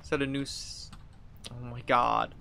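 This man in his thirties, a gaming streamer, narrates his play casually and playfully over game music, overplaying the read-outs and growing exasperated easily. He sounds unhurried and flat at a medium pitch, gravelly yet pushed and bright, and the tone is clean.

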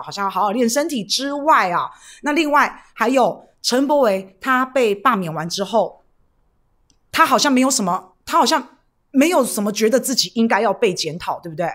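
A woman's voice: medium pitch, fairly bright tone. A woman from Taiwan hosting a casual political livestream, rambling with fillers and tag questions and greeting viewers by name. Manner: chatty, greets viewers by name, reads donations.

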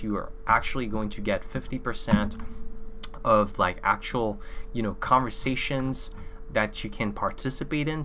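Speaking directly to camera through a desk microphone, this young man, a native French speaker with a language-learning YouTube channel, gives a loose, wandering casual review packed with "like" and "you know." His voice is a touch low yet bright and forward. The small indoor room leaves a faint hum under the recording.

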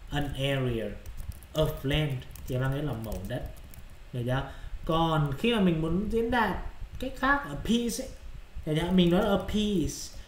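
A man's voice: on the high side, reverberant, a little hiss or hum. A male English teacher explaining exercise answers in Vietnamese, often checking whether students follow. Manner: repeats checking questions to students.

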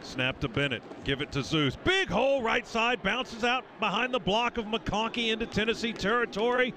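A man's voice: high voice, expressive, moderate pace. A man calling American football as a radio play-by-play announcer, in clipped, vivid running phrases. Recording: stadium radio broadcast, clear background noise.

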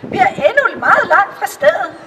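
A woman voicing an eager little poor kitchen girl in a storybook reading, with high excited exclamations. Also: far from the mic, noisy background.

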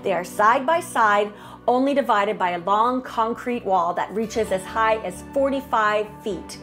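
A woman's voice: mid-range voice, unhurried, a bit bright. A middle-aged woman hosting a travel vlog, narrating the sights in an upbeat, descriptive way. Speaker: travel vlogger host. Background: background music.

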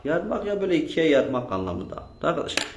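A man's voice: a little high, sing-song, fast talker, slight background noise. A man teaching a grammar lesson, drilling his students with questions and repeating their answers. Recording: echoey room.

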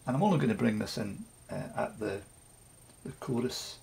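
A man's voice: fairly low pitch, moderate pace, vocal fry, background noise. A Scottish man chatting wryly through a casual home recording tutorial. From Scotland. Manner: chatty and wry, with asides and self-mocking jokes.

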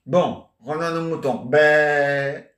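A slightly high voice with lively intonation and a slow delivery belongs to an amateur solo stage performer doing a rambling improvised comic bit. Chatty throughout, he responds to imagined listeners, adds questions, and keeps repeating "hein?" and "ah ouais" in an echoey room.

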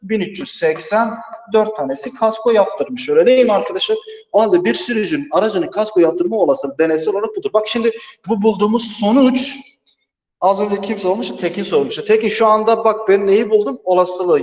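A man with a high-sitting, darkish voice teaches math quickly in a big, empty classroom, working through each step patiently and regularly checking in with "right, friends?". The empty hall throws back a strong echo off its walls.

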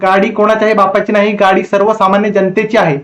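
Man playing a prim formal gentleman, preachy, echoey room. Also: high-pitched, completely flat delivery, fast, lightly acted. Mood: lecturing. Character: prim righteous gentleman passenger. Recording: roomy echo.

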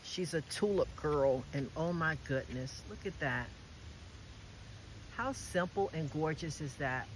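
A man on a prayerful walking vlog, speaking softly aloud to God and to the flowers in gardens near a beach. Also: on the high side, measured pace, a little hiss or hum, poor audio. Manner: soft-spoken, talks aloud to God and to flowers.

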